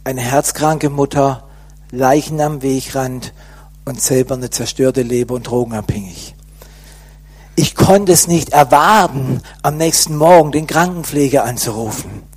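A man giving an earnest personal conversion testimony, sinking to a soft, low voice at grave moments. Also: unhurried, husky.

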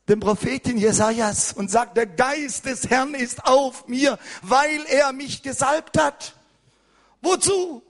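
An older man preaching an impassioned sermon as pastor, hurried and fervent, at times rising to a shout. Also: extremely high pitch.

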